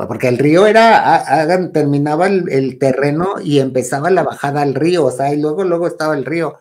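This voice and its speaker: A man's voice: mid-range voice, darkish tone. A man with a Mexican accent telling a ghost story casually and animatedly, dropping to a whisper at the spooky parts. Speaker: guest storyteller.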